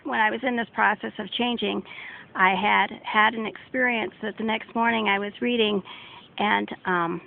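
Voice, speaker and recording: A woman's voice: medium pitch, fairly even intonation, moderate pace, gravelly. Earnest woman giving a tinny faith testimony. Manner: earnest and rambling, with many restarts. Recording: tinny phone-like sound.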